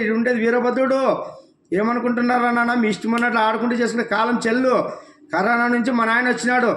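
A man delivers a heated political rant, and his voice sits very high. He talks extremely fast and keeps scolding his target with rhetorical questions. The recording has a roomy echo. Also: gravelly, a bit bright. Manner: scolding, rhetorical questions, addresses listener as nuvvu. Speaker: devotional channel speaker.

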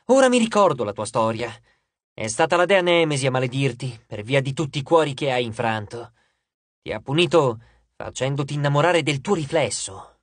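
Man doing a sharp young heroine, firm, exasperated, higher-pitched, dry sound. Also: animated, normal speed, dry recording, lightly acted. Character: stern, impatient young heroine with a sword.

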